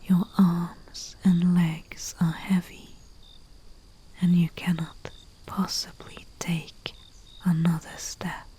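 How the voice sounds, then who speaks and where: A woman plays a humble herbalist in a soft-spoken ASMR roleplay, a soothing, deferential servant to nobility. Her breathy whisper is fairly low and level, slow and hushed with long pauses. The recording has a faint hiss, with chirping crickets and night insect ambience behind her.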